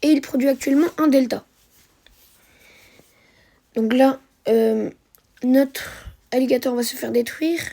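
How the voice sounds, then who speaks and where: A woman's voice: sits high, a little slow, gravelly, long pauses, warm tone. A woman narrating a strategy game replay for viewers, hesitant, with many fillers and self-corrections. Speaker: gameplay commentator.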